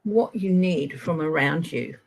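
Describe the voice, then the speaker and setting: Husky Australian woman reading tarot. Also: deep voice, measured pace, rough recording. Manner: gentle, chatty, addresses viewers by name. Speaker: tarot reader. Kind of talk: live-stream tarot reading.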